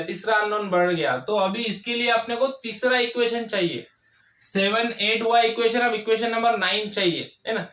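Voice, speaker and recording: A man's voice: sits high, bright, forceful tone. A male engineering tutor giving a whiteboard lecture, asking the class questions and answering them himself. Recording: echoey classroom.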